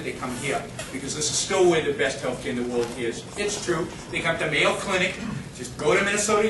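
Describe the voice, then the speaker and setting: In a reverberant, noisy university lecture hall, recorded from far away, a middle-aged Israeli guest speaker with a slightly high voice answers the audience. He is insistent and restless, emphatic and argumentative with frequent restarts, in an impassioned lecture Q&A.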